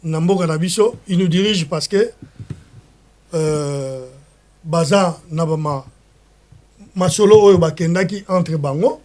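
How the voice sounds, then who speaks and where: Man, Congolese French accent, high-pitched voice, heated political interview, impassioned, stumbling restarts. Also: a little slow, long pauses, a little mellow. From Democratic Republic of the Congo. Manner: mixes French with Lingala phrases. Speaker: political guest.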